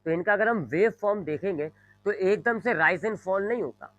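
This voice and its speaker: Pitched high and fairly bright, this man talks fairly quickly; the recording is dry and low in quality, made with a microphone. He is a physics teacher giving a classroom lecture, drawing on a board, leaning on repeated everyday examples, frequently saying "जी" and slipping in English terms.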